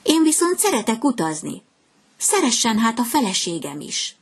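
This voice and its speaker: A chatty, fickle little male swallow from a storybook, put on by a woman reading aloud. The voice rides high and fussy, with a breathy edge. He complains as often as he boasts. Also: sing-song, exaggerated voice. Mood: complaining.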